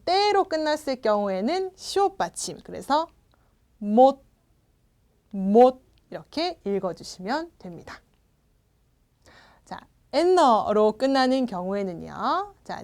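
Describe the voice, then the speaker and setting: A woman gives a recorded pronunciation lesson in a fairly high, lively voice that rises and falls a lot. She is patient and opens each step with a short prompt. She says every example sound twice so learners can copy it. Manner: patient, starts phrases with "자" and models sounds twice. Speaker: language teacher.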